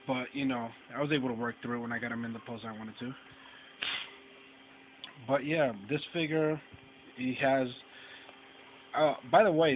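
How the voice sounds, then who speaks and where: A man casually reviewing an action figure, rambling with lots of fillers and restarts. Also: medium pitch. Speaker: toy reviewer. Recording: tinny phone-like sound, faint noise.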